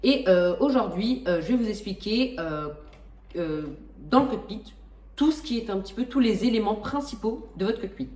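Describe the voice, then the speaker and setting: A woman's voice: mid-range voice, expressive, normal speed, darkish tone, roomy sound, far from the mic. A woman hosting a flight simulator tutorial, talking casually with lots of hesitations and restarts and joking at herself. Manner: chatty, many hesitations and restarts, self-joking.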